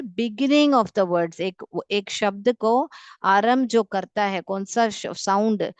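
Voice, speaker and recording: A woman's voice: mid-range voice, creaky, clean tone, dry recording. A woman teaching a class, patiently explaining quiz questions and repeating each sound several times. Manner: patient, repeats sounds, calls students "beta". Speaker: school English teacher.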